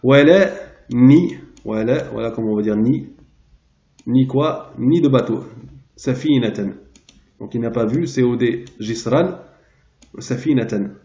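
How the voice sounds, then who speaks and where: A man teaching a translation lesson, pausing often and searching aloud for the right word. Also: mid-range voice, warm tone. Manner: hesitant, searching aloud for words. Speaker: Arabic teacher. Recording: roomy, dull lo-fi sound.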